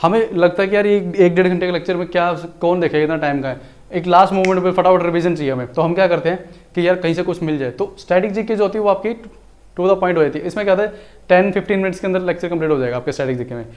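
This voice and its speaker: A man's voice: sits high, fast talker, darkish tone. A male teacher lecturing in a chatty, explanatory way, slipping terms into his talk. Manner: chatty, explanatory, mixes Hindi with English terms. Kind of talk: recorded exam-prep lecture.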